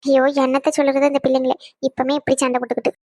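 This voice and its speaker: A woman's voice: high voice, flat delivery, very fast, dry recording, studio quality, lightly acted. A woman voicing a fretful older mother-in-law who pleads with a quarrelling couple. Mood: fretting. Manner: pleading, scolding gently.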